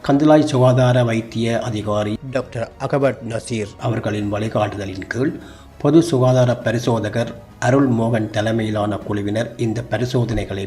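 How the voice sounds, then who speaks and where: A man's voice: lowish voice, a little mellow. A man with a Sri Lankan Tamil accent reading scripted news in a formal manner. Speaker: news reader. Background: music.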